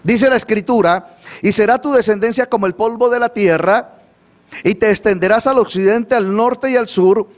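A man's voice: high voice, moderate pace. A man preaching a sermon in Spanish, often asking the congregation to repeat after him and answer his questions. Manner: asks the congregation for call-and-response, repeats questions. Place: church or studio, livestreamed.

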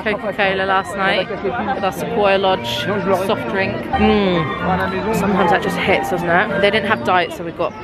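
Brief: woman in her 30s, chatty tour-guide vlogger, camera at arm's length, loud crowd and music behind. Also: medium pitch, level tone, measured pace. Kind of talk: casual travel vlog chat. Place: outdoors in a busy theme park. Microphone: handheld camera at arm's length.

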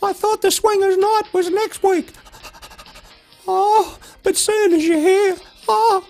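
A woman's voice: extremely high pitch, fairly even intonation, slow pace, a little mellow, faint music behind, full character voice. A woman putting on the voice of a lewd, brash old grandmother in a comic puppet film.

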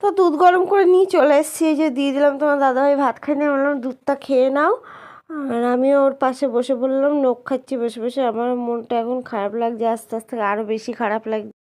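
A young woman with a cold, her voice hoarse and heavy, narrates her day to viewers in a casual vlog. She speaks softly and a little downcast, and her pitch sits high. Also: fast, hardly any pauses. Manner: soft, subdued voice addressing viewers. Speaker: vlogger.

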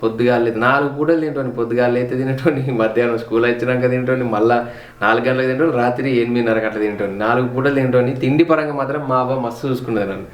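A man's voice: medium pitch, steady tone, rapid-fire, roomy sound. A man with a Telangana Telugu accent, a vlogger telling his family's story in a heartfelt, reflective way, repeating words for emphasis. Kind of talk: personal storytelling on a home tour.

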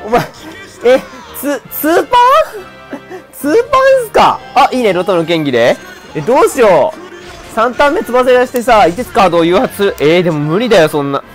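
A man giving excited, shouty commentary on a video game he is playing. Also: high voice, a little fast. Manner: loud excitable outbursts and yelps. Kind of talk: excited let's-play commentary. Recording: faint background music.

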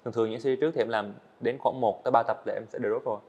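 Speaking rapid-fire in a mid-range, darkish voice with fairly even intonation, this young man of eighteen recounts his story as a podcast guest. He is an animator, earnest and candid, with hesitant restarts, heard on dull lo-fi audio from an indoor studio.

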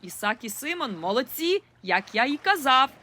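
A woman's voice: sits high, big pitch swings, moderate pace, sharp tone, voice pushed up, heavily acted. A woman reading aloud as a boastful teenage boy who crows in triumph. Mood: triumphant. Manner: crowing and triumphant.

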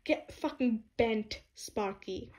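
A foul-mouthed, hot-tempered teenage boy, read out by a young woman in a casual storybook reading. He spits out crude insults in a fairly high, unpolished voice. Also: slow, a little mellow. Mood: snarling. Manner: swears a lot, snarls insults.

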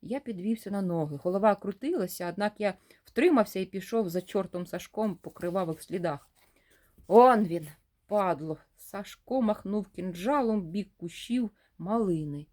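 A woman reading a short story aloud in a lively, dramatic storytelling way. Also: mid-range voice, normal speed, hardly any pauses. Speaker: reader of short stories.

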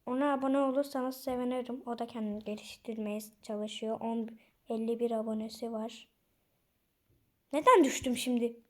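A young woman with a high, mellow voice giving casual game commentary. She chats to her viewers as she plays, bursting out in frustration and excitement along the way. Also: moderate pace. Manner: chatty, excitable, outbursts of frustration. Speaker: gaming channel host.

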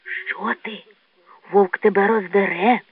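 A woman voicing a timid, gentle young male raccoon who talks softly and slowly. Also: mid-range voice, expressive, no echo, pitched below the performer's own voice, natural voice. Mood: hushed. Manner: soft, hushed and slow. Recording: tinny lo-fi dry recording.

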